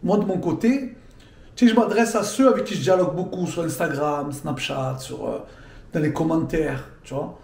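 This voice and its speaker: A man in his thirties telling a casual vlog story from inside his car, lively and slangy, talking straight to the viewer. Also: on the high side, moderate pace, slightly rough. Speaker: vlogger.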